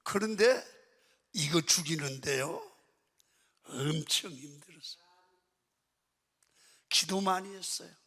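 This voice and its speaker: An older male pastor preaching a sermon, telling stories with sudden swings from loud to hushed. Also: on the high side, takes it slowly, long pauses, husky. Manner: animated storytelling, swings between loud and hushed. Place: large prayer-retreat sanctuary. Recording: reverberant church hall.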